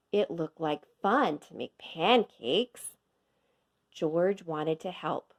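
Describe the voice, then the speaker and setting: A woman reading a children's storybook aloud as a teacher would, with expressive, measured storytelling for young children. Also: medium pitch, gravelly. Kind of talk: scripted children's storybook narration.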